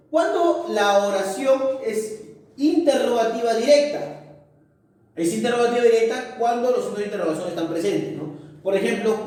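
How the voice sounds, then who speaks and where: A man with a high voice teaches a lesson, explaining patiently and checking in with his listeners as he goes. He sits well back from the microphone, and a strong echo from the room hangs on every word. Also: a little mellow. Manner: explanatory, repeats "¿no es cierto?" and "ahí está". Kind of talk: recorded class lesson. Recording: very echoey room, far from mic.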